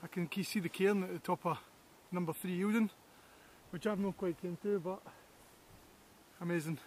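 A Scottish man with a slightly high voice talks straight to the camera as he walks a snowy hillside, eager one moment and musing the next. A faint hiss from the outdoor camera mic sits under his voice. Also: steady tone, normal speed, darkish tone. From Scotland. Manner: enthusiastic, reflective, talks to camera while walking. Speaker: landscape photographer vlogger. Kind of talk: outdoor walking vlog.

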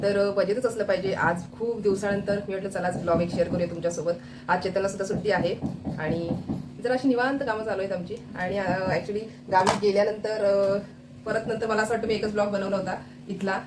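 A woman's voice: mid-range voice, steady tone, a little fast, over music. A woman hosting a casual family home vlog from her kitchen, talking straight to her viewers in a chatty way with plenty of fillers. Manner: chatty, addresses viewers directly, many fillers. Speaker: family vlogger. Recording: noisy home ambience.

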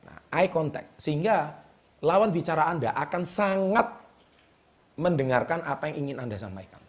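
A man's voice: fairly high pitch, expressive. Emphatic man giving motivational tips. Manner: emphatic, repeats key words with a drawn-out "ya". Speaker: host. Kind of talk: motivational talk to camera. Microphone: speaking straight to the camera.

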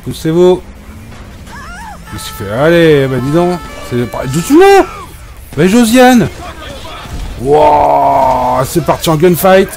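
A man's voice: a little high, slow, vocal fry, darkish tone, soft background music. A man giving comic role-play commentary over gameplay, scolding and exasperated in a joking banter. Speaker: gameplay video creator.

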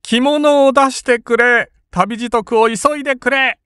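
A man's voice: mid-range voice, expressive, normal speed, no echo, clean studio sound, voice pushed up, lightly acted. A man voicing a timid samurai older brother who is frightened but determined, speaking in a trembling, urgent voice. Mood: urgent resolve.

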